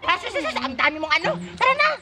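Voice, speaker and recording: A woman's voice: sits high, very animated, very fast, recorded from a distance, over loud music, voice pushed down. [name], a woman doing a bossy gossipy girl. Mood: pushy. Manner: pushy, dramatic.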